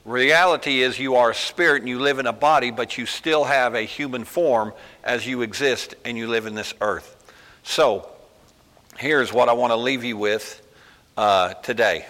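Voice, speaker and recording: A man's voice: mid-range voice, normal speed, sharp tone, long reverb tail. A man preaching a sermon in a folksy, emphatic storytelling manner with many asides.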